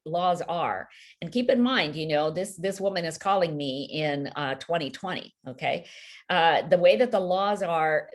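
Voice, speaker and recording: A woman author being interviewed over a video call, telling a story in an animated way and acting out the voices of the people she quotes. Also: low voice.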